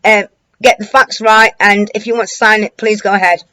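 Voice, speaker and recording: A woman's voice: medium pitch, steady tone, normal speed, bright, forceful tone, low-quality recording. A British woman giving informal commentary to an online audience, rambling and colloquial, with a hesitant, searching delivery. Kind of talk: informal news commentary to camera.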